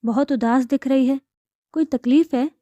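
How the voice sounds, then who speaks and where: A woman voicing a caring, worried middle-aged mother, soothing and gently coaxing. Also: sits high, moderate pace, no echo, dull audio, close to an everyday voice.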